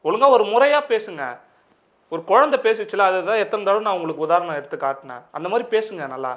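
A man's voice: high voice, animated, fast talker, fairly bright tone. A man interviewing a guest, mocking and scolding him in a confrontational way.

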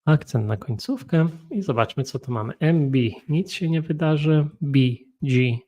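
A Polish man with a Polish accent teaching an English grammar lesson, talking slowly and thinking aloud while feeling unwell. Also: fairly high pitch, lively intonation, warm tone, muffled recording. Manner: slow, thinking aloud with frequent hums. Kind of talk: solo grammar and pronunciation lesson.

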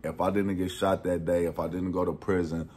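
A young man with a Chicago accent telling a personal story, acting out scenes with sudden loud bursts. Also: sits low, level tone, brisk, a little hiss or hum. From Chicago, USA. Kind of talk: storytime monologue.

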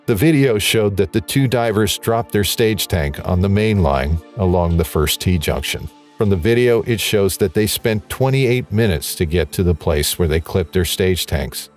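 A man reading a scripted documentary voice-over in an even, measured way. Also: sits low. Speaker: documentary narrator.

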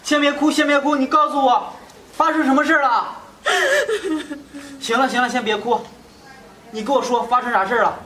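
A man's voice: extremely high pitch, steady tone, normal speed, pauses often, pushed and bright, slight background noise. An actor playing an earnest young husband who pleads with his wife and reproaches his mother, repeating his questions. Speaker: husband returning from work away.

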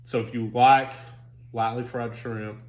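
A man's voice: medium pitch, measured pace. A man in his thirties chatting casually about a restaurant meal, rambling and joking, recorded at home on a phone camera. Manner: relaxed, rambling, jokey. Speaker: restaurant reviewer. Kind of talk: casual chat. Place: home living room, indoors. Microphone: phone camera on a stand. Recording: roomy echo.

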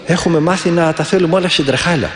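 A man's voice: fairly high pitch, slight background noise. A man, an Orthodox monk, giving a sermon and telling stories with earnest, vivid delivery and repeated prayers. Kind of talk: sermon with storytelling. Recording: echoey, reverberant hall.

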